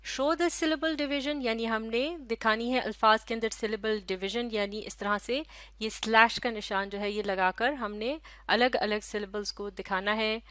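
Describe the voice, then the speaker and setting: Woman, teacher, recorded lesson, patient, repeats words slowly, slightly high voice, dry close sound. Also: fairly even intonation, bright, forceful tone, no room sound. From Pakistan. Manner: slow, patient, spells out syllables and repeats words.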